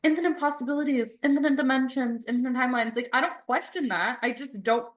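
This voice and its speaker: A woman's voice: high-pitched, quick pace. A young woman hosting a podcast, chatting and telling stories in a rambling way, full of "like" and casual swearing. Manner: rambling, lots of "like", swears freely. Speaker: podcast host. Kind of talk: casual chat and storytelling.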